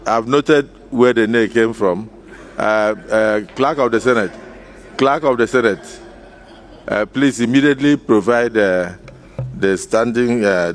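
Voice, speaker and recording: Low-voiced Nigerian man presiding over parliament. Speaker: presiding officer of the Senate. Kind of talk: procedural chairing. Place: legislative chamber.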